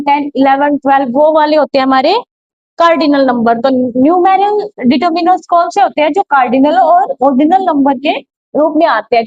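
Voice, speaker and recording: A woman's voice: sits high, a little mellow, no echo. A woman teaching grammar in a classroom lecture, explaining step by step and posing rhetorical questions. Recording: dull, slightly lo-fi, dry sound.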